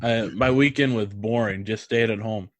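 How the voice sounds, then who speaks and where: A man's voice: fairly low pitch, normal speed, no echo. A man co-hosting a podcast, chatting casually in a jokey, giggly storytelling way. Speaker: podcast co-host. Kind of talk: casual chat.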